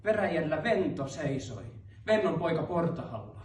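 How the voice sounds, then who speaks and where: A man's voice: on the high side, sing-song, a little hiss or hum. A man performing rhythmic, chanted runic verse at a live cultural venue. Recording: roomy hall, mic far off.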